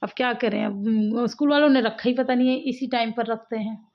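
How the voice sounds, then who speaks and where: Woman, chatty home vlogger, fairly high voice, dull lo-fi sound. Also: fairly even intonation, brisk. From India. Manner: chatty, talks straight to viewers as "guys". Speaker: family vlogger and mother. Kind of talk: casual home vlog chat. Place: at home, indoors.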